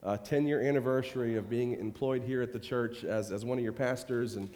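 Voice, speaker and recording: A male pastor with a cold delivers an informal church address in a reverberant sanctuary, using a handheld or stage mic. His medium-pitched voice moves briskly with fairly even intonation, warm and rambling, full of fillers and a repeated "I tell you," with an occasional cough. Background noise is present.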